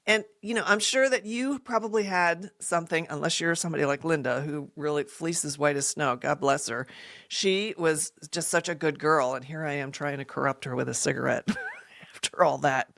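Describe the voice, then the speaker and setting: Her deep voice carries vocal fry as she moves at a moderate pace, telling listeners of her podcast a funny personal tale. She's animated, laughing often and performing what people said.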